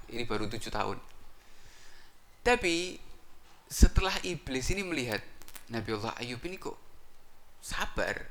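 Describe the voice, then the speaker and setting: A man preaching a sermon story, asking rhetorical questions and answering them himself, with sudden jumps in pitch for emphasis. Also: pushed and bright, slight background noise.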